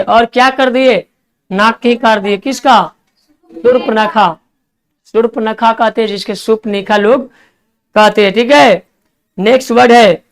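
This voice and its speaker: Male vocabulary teacher, clear resonant delivery, spelling letter by letter, hurrying his class along. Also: very high voice. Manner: spells words letter by letter, coaxing students to write fast.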